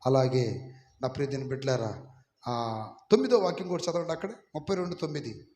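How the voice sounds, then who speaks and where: A man preaching a sermon as pastor, calling on the congregation to repeat his words back loudly. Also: mid-range voice, brisk. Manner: preaching with call-and-response, urging the congregation to repeat. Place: church hall. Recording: echoey hall, some of it from far off.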